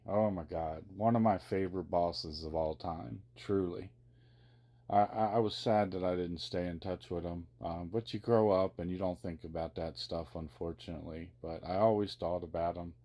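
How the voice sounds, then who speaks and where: A man's voice: low-pitched, steady tone, moderate pace, mellow. A man telling personal stories to viewers in a casual, rambling, conversational way, like a vlogger sharing memories.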